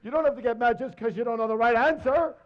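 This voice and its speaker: A man voicing a huge male elephant who mocks a beaten lion, in a raised, loud voice on a dull lo-fi recording. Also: very high voice, fast, pitched above the performer's own voice. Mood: smug. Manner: mocking, dry.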